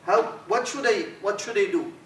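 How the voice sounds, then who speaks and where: A middle-aged man with an Arabic accent runs a workshop for trainees in his role as an imam, speaking at a normal speed in a high, animated voice and often repeating his words. He sits far from the mic, captured from across an echoey lecture room, with a faint hiss beneath the audio.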